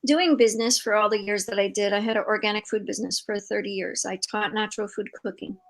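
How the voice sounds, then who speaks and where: An older woman hosting a live video-call interview, talking in a warm, rambling way with many fillers. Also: mid-range voice, steady tone, fast talker, rough recording. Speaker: host and founder of an organization. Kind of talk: casual conversational interview.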